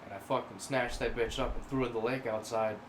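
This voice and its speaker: A man's voice: mid-range voice, fairly even intonation, fast talker, roomy sound, noisy background. A man co-hosting a podcast, casually telling rambling, crude workplace stories. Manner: rambling crude anecdotes, acts out quoted voices. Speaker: podcast co-host. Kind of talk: casual storytelling chat.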